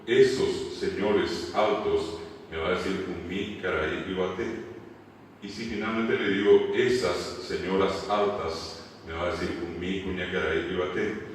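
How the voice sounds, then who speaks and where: A man's voice: low voice, slight background noise. Paraguayan man lecturing in an echoey hall. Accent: Paraguayan Spanish. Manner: demonstrative, acts out how people mispronounce words. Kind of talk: symposium lecture. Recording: echoey hall mic from far off.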